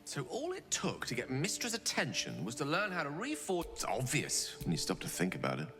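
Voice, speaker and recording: An actor playing a proud, earnest scholarly wizard in a video game, articulate and wordy. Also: male voice, mid-range voice, huge pitch swings, fairly quick, over music. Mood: earnest, reflective.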